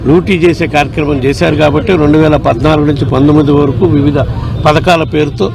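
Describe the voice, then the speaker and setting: A man member of parliament giving halting press remarks that break off and restart, recorded outdoors. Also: a little high, steady tone, creaky, noisy background. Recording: outdoor interview with a loud crowd around.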